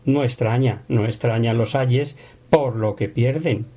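Man, husky, mellow tone, Bible lesson, conversational. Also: mid-range voice, measured pace. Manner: conversational, asks rhetorical questions. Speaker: Bible teacher. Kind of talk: explanatory Bible commentary.

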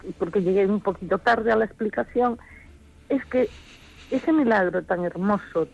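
Calling a religious radio program from Chile, this woman rambles on with enthusiasm over a muffled phone line. She speaks at a moderate pace in a medium-pitched, creaky voice with a darkish tone.

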